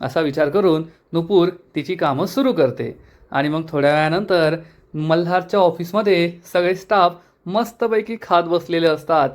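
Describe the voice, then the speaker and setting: A man reading a recap of a TV serial episode in a steady storytelling manner. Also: on the high side, moderate pace.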